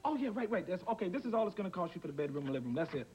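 An actor playing a chatty, cagey house painter who rambles in a folksy way in a sitcom. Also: male voice, high voice, very animated, very fast, very noisy. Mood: rambling. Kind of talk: sitcom acting.

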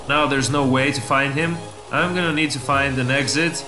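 A man's voice: medium pitch, fairly even intonation, normal speed, poor audio. A man hosting a let's play, thinking aloud and reacting with surprise as he plays. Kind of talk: casual gameplay commentary. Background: game music.

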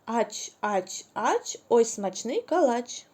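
Slow-spoken, high-voiced woman teacher. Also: sing-song, darkish tone. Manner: slow, drawn-out syllables when modeling words; cheerful, encouraging praise. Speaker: kindergarten teacher. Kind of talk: preschool reading lesson.

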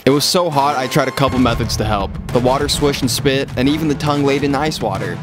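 A man's voice: mid-range voice, fast talker. Young man narrating over music. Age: young adult. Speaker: vlog narrator.

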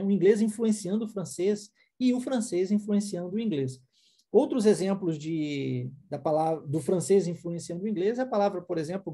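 A man's voice: sits high, mellow, slightly rough. A Brazilian man with a Brazilian Portuguese accent, teaching an online English lesson and explaining patiently with frequent tag questions.

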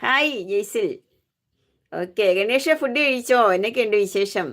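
Woman streamer from Kerala, warm-hearted chatter, friendly and informal with her viewers. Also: on the high side, expressive, moderate pace. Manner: chatty, affectionate, greets viewers by name. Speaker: YouTube live streamer. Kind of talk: casual live-stream chat with viewers.

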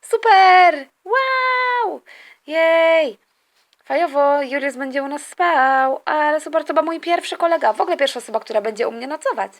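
A woman voicing an eager, excitable young boy in a toy-figure story, chatty and stumbling over her words. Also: high-pitched, fast, hardly any pauses, natural voice. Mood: excited.

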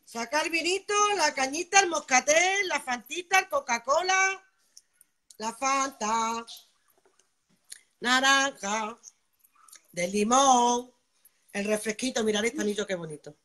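Live-stream seller, woman from Spain, bright and fairly high, chatty and nonstop. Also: lively intonation, takes it slowly, pauses often. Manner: chatty, keeps asking "vale", greets viewers by name. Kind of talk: live-stream sales pitch.

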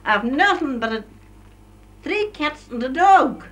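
A woman's voice: high-pitched, big pitch swings, a little slow, fairly bright tone. An older woman with a rural Northern Irish accent, talking with a pipe in her mouth and giving short, plain answers in country dialect in an interview. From Northern Ireland. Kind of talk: archive TV interview.

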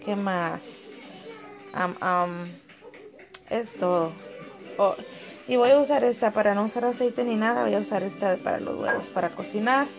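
A young woman, chatting casually to her viewers in a home kitchen vlog. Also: mid-range voice. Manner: chatty, talks to viewers as friends. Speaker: vlogger.

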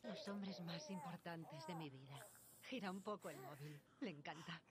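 A woman's voice: on the low side, normal speed, a loud crowd, lightly acted. A woman playing a loving, protective young wife and mother in a video game drama. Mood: warm, teasing. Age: young adult. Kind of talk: video game drama acting in Spanish dub. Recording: loud game sound effects behind.

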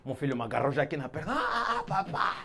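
A man doing stand-up comedy, animated and laughing often with loud exclamations. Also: medium pitch, very fast.

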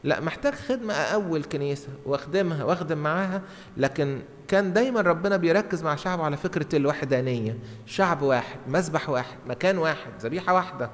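A middle-aged man with an Egyptian accent preaches as a priest, explaining scripture in a conversational way. His voice sits a little high and moves along quickly. A long church reverb surrounds it. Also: animated. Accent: Egyptian Arabic. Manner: conversational, acts out dialogue, repeats short phrases for emphasis. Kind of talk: Bible teaching sermon, explanatory. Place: large church interior at a lectern. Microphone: gooseneck lectern microphone.

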